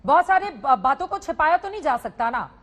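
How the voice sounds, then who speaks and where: A woman's voice: high-pitched, very animated, fairly quick, fairly bright tone. A woman anchoring a televised news debate, firmly cutting in to restore order. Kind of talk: moderating a heated TV debate.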